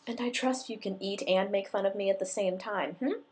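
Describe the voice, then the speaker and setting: A woman voicing a shy but quick-tongued young woman barista, her voice lifted higher than her narration. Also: a little mellow, slight background noise, lightly acted. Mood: flustered.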